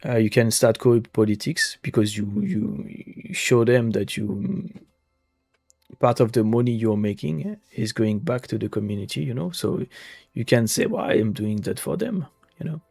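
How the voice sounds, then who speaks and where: A man's voice: medium pitch, expressive, moderate pace, creaky, darkish tone, dry recording, soft background music. A man giving casual commentary as he plays a video game. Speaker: game streamer.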